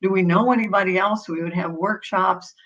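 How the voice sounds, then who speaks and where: A woman's voice: mid-range voice, fairly even intonation, fairly quick, fairly bright tone, muffled recording. A woman guest in an interview, answering thoughtfully with small hesitations and restarts. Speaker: guest, patterns author.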